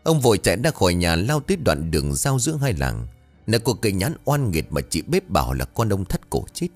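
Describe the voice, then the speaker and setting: A man narrating a ghost story in a dramatic, expressive storytelling style. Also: low-pitched, a little fast, soft background music.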